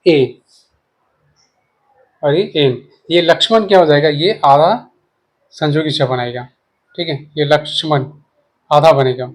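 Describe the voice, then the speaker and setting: Male teacher, slightly higher voice, patient, repetitive, checks in constantly. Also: slow, long pauses. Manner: explains while writing. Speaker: English teacher. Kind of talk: casual spoken lesson.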